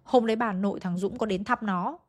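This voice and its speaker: A woman's voice: medium pitch, brisk. A woman narrating a ghost story in a chatty way, speaking straight to her listeners. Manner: chatty, addresses listeners directly.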